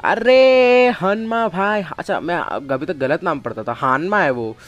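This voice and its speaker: A man streaming a mobile game live, chatting with viewers and calling out to teammates, with bursts of excited shouting. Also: medium pitch, a little fast, soft background music. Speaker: gaming streamer. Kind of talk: casual live game commentary.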